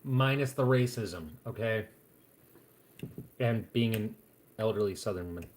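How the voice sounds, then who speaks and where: A man's voice: on the low side, unhurried, a little hiss or hum. A man chatting casually to viewers on a live stream at home, rambling along with plenty of fillers and restarts.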